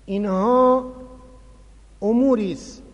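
High-voiced man lecturing in a reverberant hall. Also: lo-fi sound. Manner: explanatory, animated, acts out quoted dialogue. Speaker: lecturer on Quran recitation. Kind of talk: religious lecture.

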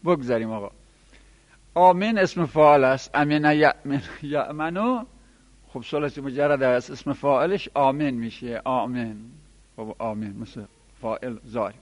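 A man teaching Arabic grammar in a classroom lecture, explaining and listing word forms, with emphatic rises in pitch. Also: long reverb tail, highs cut off.

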